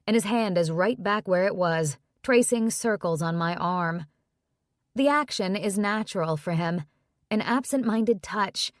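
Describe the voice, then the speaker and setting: A woman narrates a first-person romance audiobook at a measured, steady pace. Her voice sits on the low side, and the sound is dry and close to the mic. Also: dry recording.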